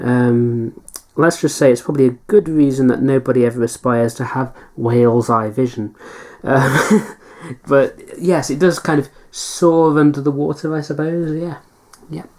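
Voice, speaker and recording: A woman with a bass-range, warm voice chats casually as a hobby vlogger. She answers viewer questions in a hesitant, self-deprecating way.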